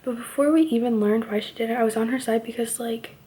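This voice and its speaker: A woman's voice: fairly high pitch, fairly even intonation, fast talker, mellow, breathy edge. A young woman chatting through a late-night reading vlog, tired and often half-whispering, with slightly muffled speech from a retainer and lots of "like" fillers. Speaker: book vlogger.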